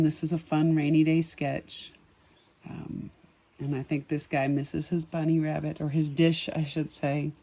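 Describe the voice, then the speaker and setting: Out on a spring evening, the sketch artist and empathic reader chats casually, musing about a drawing in a medium-pitched voice, with plenty of ums and soft chuckles.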